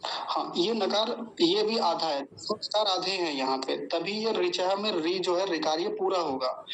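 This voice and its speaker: A man's voice: sits high, unhurried, fairly bright tone, a little hiss or hum, poor audio. A man teaching a patient online class, drawing out words to show how they are pronounced, heard over a video call. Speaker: Sanskrit teacher.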